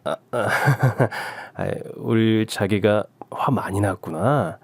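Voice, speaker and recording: A man's voice: on the low side, takes it slowly, creaky, dry recording, exaggerated voice. A man voicing an evasive young husband who keeps placating his wife in a radio drama. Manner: placating, wheedling.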